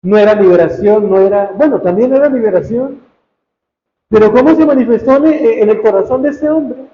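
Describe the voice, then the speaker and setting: A priest teaching a sermon, slow and emphatic, repeating key phrases for weight. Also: male voice, very high-pitched, a little hiss or hum. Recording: dull, echoey room recording.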